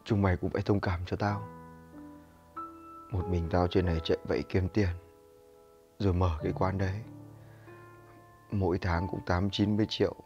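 A man's voice: deep voice, steady tone, moderate pace, pauses often, close to an everyday voice. A man playing weary overworked young man. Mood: apologetic. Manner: apologetic, weary confiding. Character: young man Hiếu, lonely overworked shop owner. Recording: muffled audio over music. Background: music.

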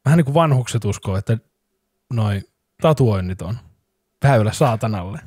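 A man in his thirties, co-hosting a podcast, telling stories in a lively way and laughing often. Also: fairly low pitch, slightly rough, no room sound, studio quality. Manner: animated storyteller, laughs often. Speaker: podcast co-host. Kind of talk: casual chat.

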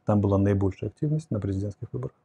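Low-voiced man lecturing at a whiteboard. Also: rapid-fire, vocal fry, dark tone, breathy edge. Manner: reflective, explains with a whiteboard, reads questions aloud then answers. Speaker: host answering viewer questions. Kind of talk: livestream lecture on philosophy and psychology. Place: indoor studio room with curtains and whiteboard. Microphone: lapel mic.

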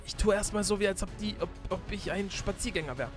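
A young man narrating a game role-play to his viewers with excitable, surprised exclamations. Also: sits high. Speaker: YouTuber playing through a Minecraft role-play.

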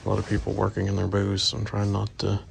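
Filming on a handheld phone, a man who owns an antique booth tours a big indoor antique mall, narrating in a relaxed, chatty, steady way. His voice is gravelly, on the low side and quick, with shop ambience audible behind it.

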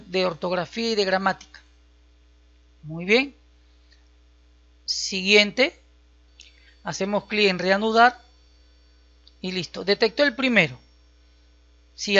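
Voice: mid-range voice, pushed and bright. An instructor talks through a computer tutorial step by step and keeps checking that listeners are following. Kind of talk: screen-recorded software tutorial. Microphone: voice-over on a screen recording. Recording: slightly dull, lo-fi audio.

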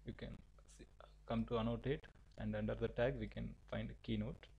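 A man teaching a software tutorial, giving halting step-by-step instructions with frequent restarts. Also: medium pitch, little pitch movement, gravelly, breathy edge, dull audio. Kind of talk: screen-recorded software tutorial.

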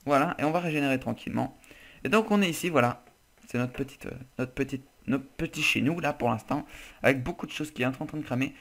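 A man's voice: medium pitch, fast talker, vocal fry, fairly bright tone. A man hosting casual game commentary, chatty and loose, joking and swearing casually. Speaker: gaming channel host.

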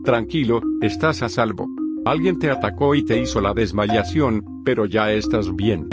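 A man playing a curious, slangy young anime fan in an animated comedy. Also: lowish voice, normal speed, loud music behind the voice, lightly acted. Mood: casual.

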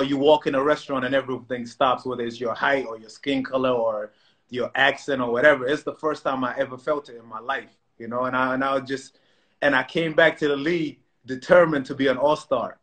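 A man's voice: mid-range voice, a bit bright. A middle-aged man from South Sudan, telling his story in casual chat on a phone video call, with many restarts and "you know"s. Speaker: co-host. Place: indoor room at home. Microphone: phone camera video call.

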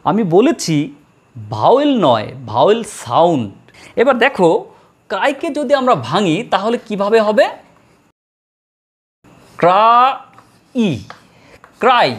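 Woman teacher, lively pitch, drawn-out model words, lesson style. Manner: slow drawn-out model words, repeated for students. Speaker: English grammar teacher. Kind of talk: classroom lesson.

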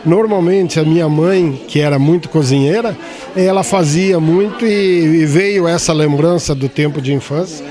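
A man's voice: a little high, normal speed, mellow, faint music behind. A man in his fifties, a farm owner, answering an on-site interview with many hesitant fillers. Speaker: farm owner hosting the event. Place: indoor hall at a farm event. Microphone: handheld mic held by interviewer. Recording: crowd chatter behind.

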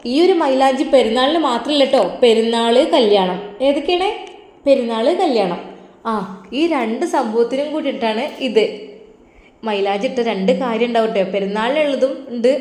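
A woman voicing an affectionate older widowed grandmother who coaxes her granddaughter softly. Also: a little high, moderate pace, lightly acted. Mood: tender, coaxing. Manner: soft coaxing, affectionate endearments. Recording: roomy echo.

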